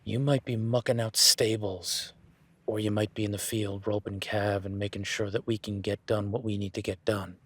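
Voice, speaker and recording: Speaking straight to the listener in a first-person audio roleplay, a man plays an easygoing, rugged cowboy rancher who teasingly sizes up a new ranch hand and talks softly to his horse. His voice is lowish and slightly rough, with a flat delivery at normal speed.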